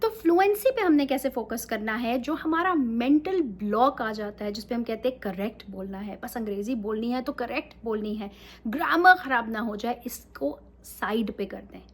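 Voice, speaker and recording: A woman's voice: fairly high pitch, normal speed. A woman teaching English in a casual talk, mixing Urdu and English and often checking in with her listeners.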